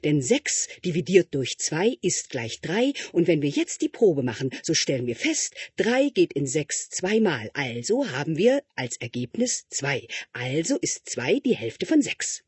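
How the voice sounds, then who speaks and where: A man voicing an anxious, fawning royal tutor who flatters and speaks slowly and high. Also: husky, no room sound, heavily acted. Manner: obsequious, flattering, high and drawn-out.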